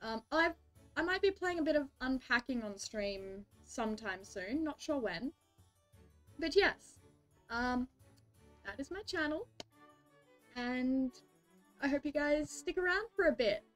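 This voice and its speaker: A young Australian woman hosting a game livestream, talking to her chat in a high, light voice. She takes her time, lingering over her words between little giggles, with soft music playing behind her. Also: lively intonation, unhurried, pauses often. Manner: chatty, giggly, greets viewers warmly. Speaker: streamer.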